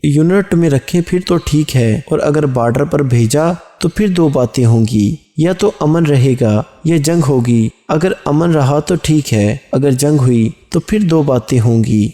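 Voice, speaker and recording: A man's voice: a little high, few pauses, warm tone, lightly acted. A man voicing an anxious young village man who reasons through every outcome in a long chain. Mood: fretting.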